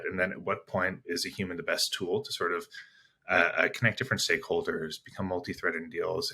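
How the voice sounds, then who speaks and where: A man who is a sales executive appears as an interview guest, reflectively explaining business ideas in a conversational way and building his points piece by piece. His voice is deep, husky, pushed and bright.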